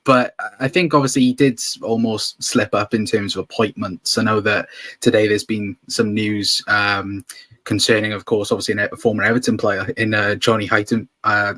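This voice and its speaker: A man's voice: on the low side, level tone, normal speed, fairly bright tone, no echo. A man interviewing casually about football, in a hesitant, wordy way.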